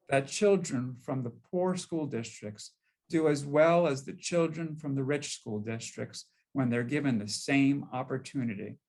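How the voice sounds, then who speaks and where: A man with an American accent speaks in a gravelly, slightly high voice. He delivers a formal address in the manner of a civil rights orator. His phrasing is emphatic and impassioned, built on deliberate cadences. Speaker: exiting state higher education chair giving a speech.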